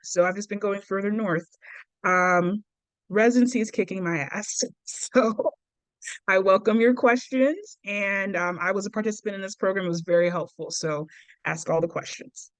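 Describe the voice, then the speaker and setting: A woman's voice: medium pitch, moderate pace, no room sound, poor audio. A woman resident born in Nigeria and raised in South Florida, introducing herself over a video call in a candid, informal way. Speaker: second-year resident.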